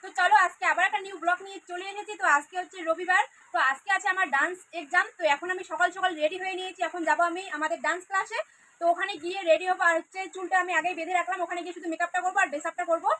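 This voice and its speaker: A young adult woman vlogger chats casually and directly to her viewers, first outdoors in the rain and then at a dance class. Her voice is extremely high-pitched, steady, and sharp, and she talks very fast.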